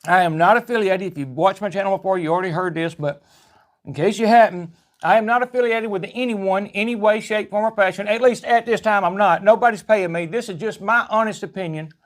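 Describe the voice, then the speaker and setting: A man with a notably high voice and a Southern US accent hosts a home cooking vlog. He talks in a casual, folksy manner, rambling along chattily as he demonstrates. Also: fairly quick.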